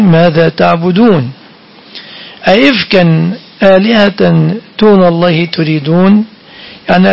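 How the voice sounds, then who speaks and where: Male preacher, high and gravelly, lecturing from scripture, muffled lo-fi recording. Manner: repeats phrases for emphasis, quotes verses. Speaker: Quran commentator. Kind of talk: sermon-style Quran commentary. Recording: dull lo-fi recording.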